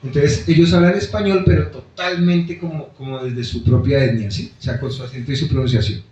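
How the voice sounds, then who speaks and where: A man's voice: mid-range voice, fairly even intonation, a little fast, darkish tone. A man giving a public talk about his book in a bookstore, explaining things directly to the audience. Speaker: author presenting his book. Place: bookstore event room. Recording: very echoey, dull lo-fi room sound.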